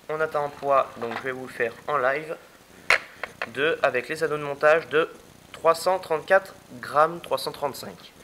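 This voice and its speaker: A young man talks through a product review in a casual, halting way, filling gaps with little hesitations and restarting his sentences. His voice is bright and fairly high for a man. A faint hum of room noise sits behind him. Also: low-quality recording. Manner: hesitant, many fillers and restarts.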